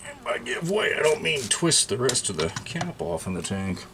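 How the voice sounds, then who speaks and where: A man's voice: mid-range voice, big pitch swings, moderate pace, noisy background. A middle-aged man casually talking through an old tool on his workbench, thinking aloud as he works and bursting out in surprise. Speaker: chainsaw repair channel host. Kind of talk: casual workshop show-and-tell. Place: indoor repair workshop.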